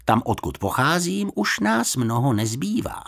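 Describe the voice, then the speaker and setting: A man voicing a small, polite young male bear with a high, clear little voice and a self-important manner, in an audiobook. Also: sing-song, fairly bright tone, full character voice. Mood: earnest.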